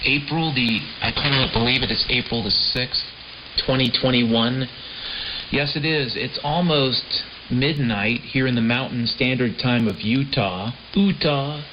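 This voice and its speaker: The clip has an American man with a mid-range voice hosting a late-night shortwave program at a measured pace, rambling in a wry, laid-back manner. He repeats himself and asks rhetorical questions while noisy, dull lo-fi audio is topped by prominent piano-like keyboard music.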